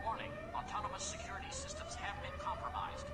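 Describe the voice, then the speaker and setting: A voice actor playing an automated security alarm, giving a formal, urgent emergency announcement over a distant facility loudspeaker. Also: very high-pitched, fast talker, roomy sound.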